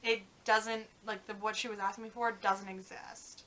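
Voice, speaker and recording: A young woman co-hosting a casual vlog chat, talking fast and loose with lots of fillers. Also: mid-range voice, level tone, pushed and bright, low-quality recording. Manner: chatty, many "like" fillers, trails off. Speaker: vlog co-host.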